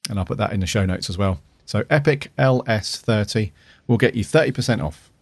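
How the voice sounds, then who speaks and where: A man hosts a podcast in casual chat. His voice is fairly low and recorded dry, with no room around it. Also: fairly quick, creaky, no echo. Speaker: podcast host.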